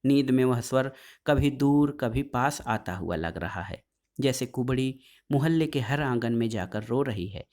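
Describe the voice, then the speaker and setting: Man reading a story aloud, measured. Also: medium pitch, expressive, a little mellow. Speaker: story narrator. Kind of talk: scripted narration.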